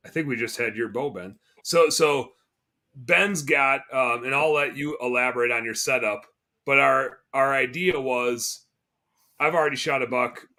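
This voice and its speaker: Male podcast co-host, bright and forceful, animated storyteller who explains for the audience. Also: mid-range voice, normal speed. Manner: animated, explains for listeners, bursts of loud mimicry. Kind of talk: casual chat, storytelling.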